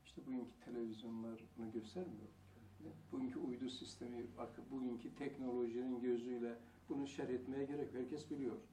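A man's voice: mid-range voice, little pitch movement, mellow. Man lecturing from across an echoey room. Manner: poses rhetorical questions and answers them himself; slow, deliberate emphasis on single words. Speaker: religious lecturer. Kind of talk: religious lecture. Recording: echoey room, mic far off, faint hiss.

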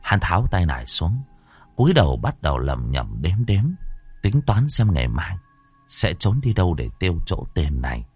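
Low-voiced, lively male horror storyteller. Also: moderate pace, breathy edge, faint music behind. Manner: expressive, animated storytelling. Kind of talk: scripted horror story narration.

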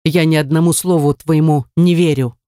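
A woman voicing a jealous, cruel young man who snarls and sneers, in a dark, dry audiobook reading. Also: on the high side, fairly even intonation, normal speed, clean tone, dry recording, close to an everyday voice. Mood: menacing.

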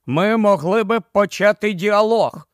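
A man's voice: sits high, unhurried, no echo, studio quality, pitched above the performer's own voice. A man voicing an irate, blunt scientist who scolds the council. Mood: scolding. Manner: angry, blunt.

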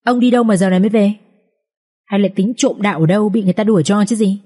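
A woman reading an audiobook voices a sharp-tongued peasant wife who nags and mocks in a raised, quick voice. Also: medium pitch, close to an everyday voice. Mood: nagging. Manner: nagging, mocking.

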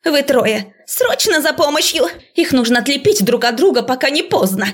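A woman reading an audiobook voices a shrill, panicky older woman professor of witchcraft who barks loud orders in a raised voice. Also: expressive, moderate pace. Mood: commanding.

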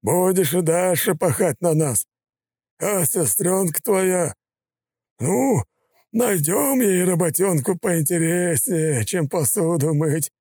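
A bloated, sneering gangster boss drawls his taunts in a high, slow voice. He sounds smug and cruel. The recording is dry and close. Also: dark tone, slightly rough, no echo, exaggerated voice. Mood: mocking. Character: fat sneering male gangster boss, mocking.

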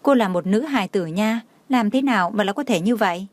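A woman's voice: medium pitch, lively intonation, fairly quick, no echo, natural voice. A woman voicing a playful young man who cries out and pleads when hurt, for an audio novel. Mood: whiny complaining. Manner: crying out in pain, pleading.

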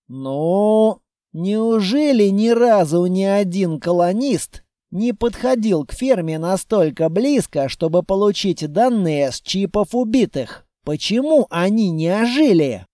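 A grumbling fighter who keeps whining and nagging, played by a man reading an audiobook. The voice is high for a man and soft and warm in tone. The recording is dry and close. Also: animated, slow pace, dry recording. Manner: complaining, mumbling. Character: whiny, grumbling male fighter.

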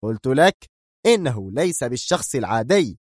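A man voicing a cold, firm male intelligence agent in an audiobook, speaking curtly and deliberately. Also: medium pitch, sing-song, husky, dry recording, clean studio sound.

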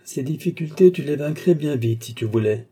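Casting: male reader doing an old sneering alchemist, dark husky voice pushed higher, taunting. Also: expressive, moderate pace, full character voice. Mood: fierce. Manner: taunting, rising to fierce outbursts. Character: old scornful male alchemist, cold, mocking. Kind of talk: audiobook character voice.

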